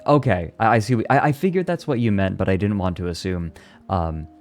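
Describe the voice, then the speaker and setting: A young man with a fairly low, darkish voice chats casually on a live stream as a VTuber, talking a little fast. He reads and responds to his chat and laughs often, with soft music playing in the background.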